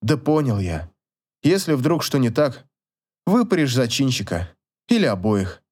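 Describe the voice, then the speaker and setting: A man's voice: mid-range voice, very animated, unhurried, a little mellow. A man reading aloud and voicing a sulky young husband who grumbles and jokes wryly. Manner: grumbling, wry.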